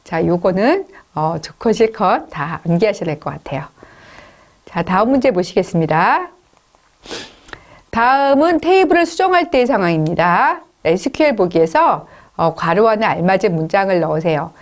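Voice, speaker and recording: A woman's voice: mid-range voice, very animated, normal speed. A woman professor giving a recorded exam-prep lecture, explaining step by step and asking her students rhetorical questions. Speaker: software engineering professor.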